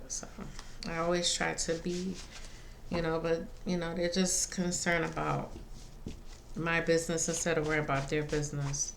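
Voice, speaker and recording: A woman giving a casual spiritual card reading to viewers, pausing between phrases. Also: deep voice, vocal fry. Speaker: tarot and oracle card reader. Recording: faint background noise.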